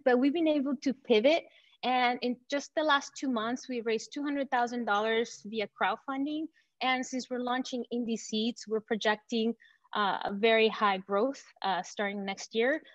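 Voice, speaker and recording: A Venezuelan company founder pitches her startup to investors, sounding confident, enthusiastic and promotional. The video-call audio is dull but has no echo.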